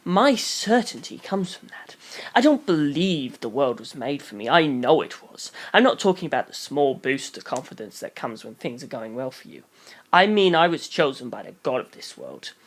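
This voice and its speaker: In an audiobook, a narrator voices an eleven-year-old boy detective who is earnest, intense and grandly self-certain, prone to pompous speeches. The mid-range voice swings widely in pitch at a moderate pace.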